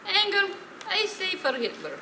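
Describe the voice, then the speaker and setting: On a theatre stage, a woman plays a sardonic old woman in a high, full character voice with huge pitch swings, speaking a little slowly. She scolds with dry sarcasm and Yiddish-flavoured phrasing in dramatic dialogue, caught by a distant mic on an echoey, noisy recording.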